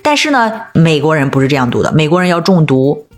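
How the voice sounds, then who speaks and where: Low-voiced woman co-hosting a pronunciation lesson. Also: fast, soft background music. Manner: explains spelling and stress patiently, bright lively delivery. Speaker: co-host of an English pronunciation podcast. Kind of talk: bilingual teaching chat.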